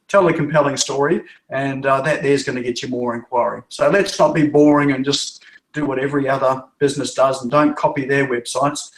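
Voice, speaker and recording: Speaking with a New Zealand accent, this Norfolk Island man works as a web developer and rambles chattily through interview answers, frequently restarting and repeating himself. His voice is a little high, and the audio is poor, recorded in an echoey room.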